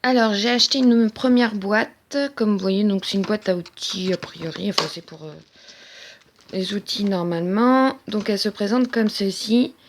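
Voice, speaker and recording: In a relaxed haul show-and-tell filmed at home, a woman who makes crafting videos talks through her new supplies, pausing frequently with filler words. She speaks in a mid-range voice at a normal speed.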